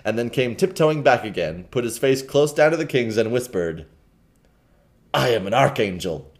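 A man hosting a podcast, reading a classic novel aloud in a relaxed, chuckling way and breaking off to chat. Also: mid-range voice, moderate pace. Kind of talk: casual read-aloud with commentary.

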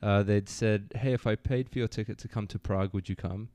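A young man born in New Zealand, a student guest telling his story in a relaxed, easygoing way on an interview podcast. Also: lowish voice, brisk, dry recording. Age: young adult. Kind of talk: casual interview.

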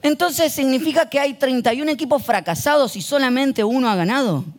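Argentine man, middle-aged, pastor preaching a humorous sermon; high voice, lively, acts out the voices himself. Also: a little fast. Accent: Argentine Spanish. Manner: animated storyteller, acts out voices and asks the congregation to repeat phrases.

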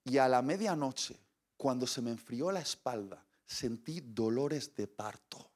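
A man, preaching a sermon as an animated storyteller who acts out scenes and voices. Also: medium pitch, a little slow.

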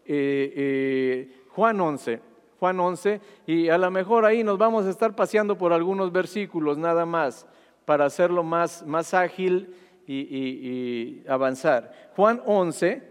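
A man's voice: a little high, unhurried, clear, resonant tone. Man preaching in an echoing hall. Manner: asks the congregation "¿sí?" constantly, retelling scripture with rising fervor. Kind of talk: sermon. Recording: long hall reverb.

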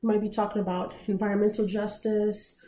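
A woman in her twenties co-hosting a podcast, chatty and quick to laugh. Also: medium pitch, little pitch movement, mellow. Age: 20s. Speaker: podcast co-host. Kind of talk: casual chat. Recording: echoey room, faint background noise.

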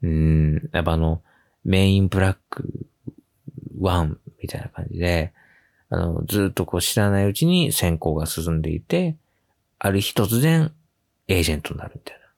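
A man hosting a casual solo radio show, telling a funny story with lively acted-out quotes and frequent laughs. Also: low voice, moderate pace, gravelly. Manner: animated storytelling, acting out quoted voices with laughs. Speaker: podcast host.

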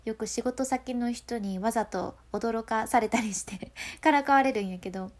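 A woman's voice: fairly high pitch, normal speed, a little mellow. A woman with a Hakata accent explains voice control in a casual, playful way, laughing often. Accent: Hakata dialect.

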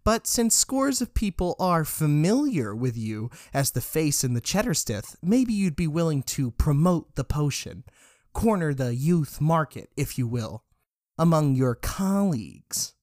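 A man voicing a sly, scheming man who persuades in a smooth, measured way. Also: fairly high pitch, sing-song, darkish tone, dry recording, clean studio sound.

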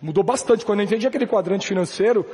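A man from Brazil delivers a motivational talk at a rapid clip, his voice sitting high for a man. He speaks emphatically and conversationally, throwing in slangy asides. The sound carries a long reverb from the large hall he speaks in. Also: animated, warm tone. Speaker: motivational speaker at a business event. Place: large hall with a live audience.

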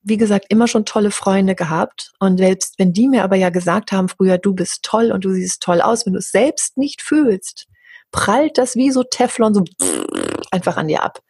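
A middle-aged woman speaking as an interview guest, earnest and animated, who sometimes acts out the voices of other people. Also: medium pitch, moderate pace, husky, no echo, studio quality. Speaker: interview guest, hypnosis practitioner. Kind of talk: candid conversational interview.

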